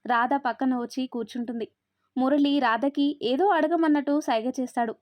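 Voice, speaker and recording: A woman narrating a story in a steady storybook reading manner. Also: sits high, normal speed, no echo. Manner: steady storybook reading, voices every character herself. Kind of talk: scripted narration. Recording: dry, slightly dull recording.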